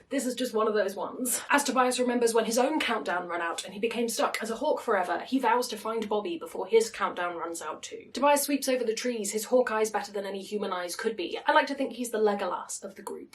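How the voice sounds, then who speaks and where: A woman's voice: on the high side, far from the mic. Echoey woman reviewer recorded in an attic. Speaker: book review channel host. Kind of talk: scripted book recap with chatty asides. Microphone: backup camera microphone, not close. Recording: very echoey attic, off external mic.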